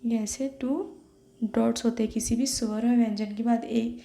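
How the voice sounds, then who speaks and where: A woman's voice: a little high, fairly even intonation, moderate pace, creaky, dark tone. A young adult woman, teaching young children step by step and checking in with "okay" after each point, often slipping English words into her talk. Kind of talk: online class lesson for young children. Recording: echoey room.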